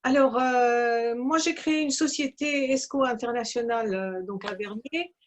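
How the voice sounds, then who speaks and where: A woman talks very slowly on a video call, stopping often on fillers as she gathers her thoughts. Her voice is mid-pitched, with a faint hiss of background noise behind it. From Franco-Belgian and Iranian. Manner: slow, halting, many fillers. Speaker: business owner, meeting participant. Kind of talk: online meeting discussion.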